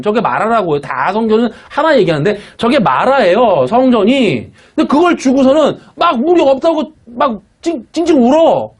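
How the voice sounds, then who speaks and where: High-pitched husky male pastor preaching. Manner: emphatic, questioning the congregation, blunt asides. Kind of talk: sermon. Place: church worship room.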